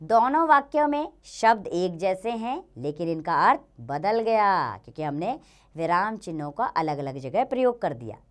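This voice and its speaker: A woman teaching a grammar lesson to children in a slow, sing-song way. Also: on the low side, sing-song.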